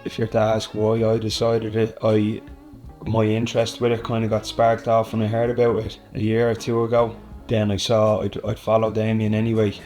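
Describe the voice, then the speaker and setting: A man's voice: fairly low pitch, monotone, moderate pace, a little mellow, faint music behind. A man speaking earnestly in a documentary interview.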